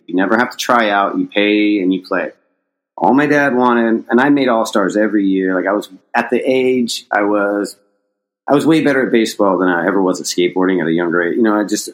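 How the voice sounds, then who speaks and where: Low-voiced man telling a rambling story. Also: low-quality recording. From United States. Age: middle-aged. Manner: rambling, many restarts, swears casually. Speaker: podcast guest, skateboarder. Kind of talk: casual storytelling.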